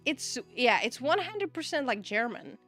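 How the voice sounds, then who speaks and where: Over faint background music, this woman from the Czech Republic streams as a VTuber in a high, sing-song, fairly bright voice, unhurried. A native Czech speaker with a Czech accent, she casually responds to viewer chat, laughs a lot and keeps adding "okay?" for emphasis.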